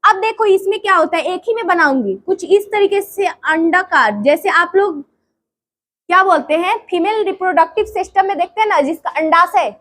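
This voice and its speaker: Very high-pitched woman teaching. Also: normal speed, a bit bright. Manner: repeats terms and quizzes the class. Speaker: drawing teacher. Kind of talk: classroom drawing lesson.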